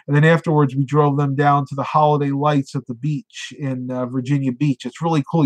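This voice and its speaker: Over poor audio, a mid-range male voice chats casually on a live stream and reads out viewer comments, leaning on plenty of fillers. He's congested and seems to be losing his voice.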